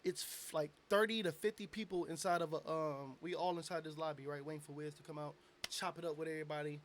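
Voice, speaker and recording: A young man, a bit drunk, telling a long animated story in a casual interview, full of slang and swearing. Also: fairly high pitch, fast. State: tipsy. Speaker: guest, aspiring rapper.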